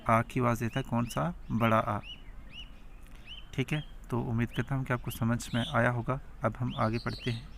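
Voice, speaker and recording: Male teacher, gravelly, unhurried; spells out letters for learners, faint hiss and birds behind. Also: medium pitch, flat delivery, fairly bright tone. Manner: sounds out letters one by one, asks and answers his own questions. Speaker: Urdu script teacher. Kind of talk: slow spelling-out lesson.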